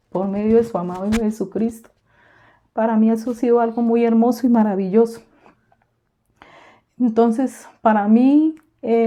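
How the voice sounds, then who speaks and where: A woman's voice: a little high, mellow, highs cut off. A woman giving a fervent religious testimony to a congregation, repeating herself often and calling her listeners brothers.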